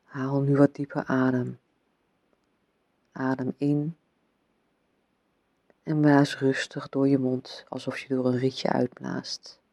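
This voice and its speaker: Guy doing a guided relaxation, slow n gentle, dark mellow voice, lots of pauses. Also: mid-range voice, level tone, vocal fry, no echo. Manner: soothing, unhurried phrasing with long pauses, gently instructing. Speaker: meditation guide.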